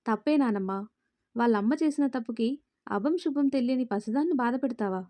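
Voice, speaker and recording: A commanding, short-tempered young boss from a spoken storybook, read by a woman. The tone is mellow and dry, at a fairly high pitch. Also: brisk, no echo, natural voice. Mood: stern. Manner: commanding, scolding.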